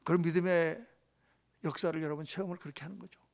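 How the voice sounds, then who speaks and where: Gravelly high-voiced male preacher. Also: steady tone, fast talker. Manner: swings from loud exclamations to hushed whispers. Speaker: pastor. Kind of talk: sermon.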